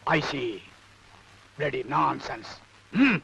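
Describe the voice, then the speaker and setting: A man's voice: fairly high pitch, sing-song, drawn-out words, noisy background, heavily acted. A blustering army-major father. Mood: stern. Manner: gruff, barks English curses.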